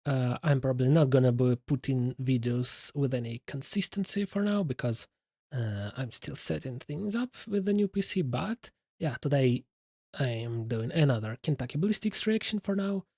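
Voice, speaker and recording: A man's voice: medium pitch, animated, normal speed, a little mellow, slightly rough, no echo, clean studio sound. A man giving casual, laid-back reaction commentary as a streamer, often in brief murmured responses.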